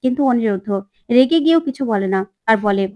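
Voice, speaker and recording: A woman recaps a TV serial episode as a story, reading every character's lines herself with slightly shifted voices. Her fairly high voice is fast, lively in intonation and a little mellow, with no echo.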